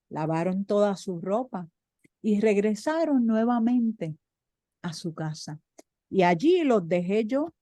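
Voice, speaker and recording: A woman with a Puerto Rican accent telling a folk tale aloud, animated with rhythmic repetitions. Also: medium pitch, no echo. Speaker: storyteller. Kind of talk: oral folk storytelling.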